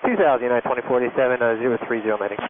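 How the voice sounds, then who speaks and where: A man speaking as an airline pilot over a cockpit headset radio, reading back instructions to controllers in a clipped, calm, businesslike way. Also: mid-range voice, very fast. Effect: cockpit headset radio transmission. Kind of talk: radio readbacks to air traffic control. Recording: tinny radio channel with clear static.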